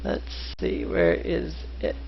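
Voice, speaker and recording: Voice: slow, slight background noise. A dungeon master narrating a tabletop game, hesitant and full of filler sounds, in a dull lo-fi recording.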